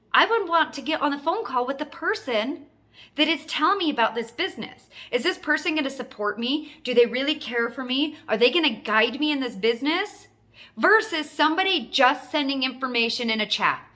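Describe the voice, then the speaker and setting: With a high, bright and forceful voice, a woman coaches in network marketing through an informal sales talk. Her delivery is instructive and emphatic, leaning on repeated key phrases.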